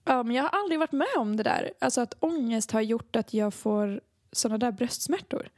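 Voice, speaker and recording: A young woman chatting casually, telling a story with plenty of laughter and little acted-out exchanges. Her voice sits on the higher side. The recording is dry and close. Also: no echo. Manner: animated storytelling, acting out quoted dialogue, frequent laughter. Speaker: podcast co-host, songwriter. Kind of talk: casual chat.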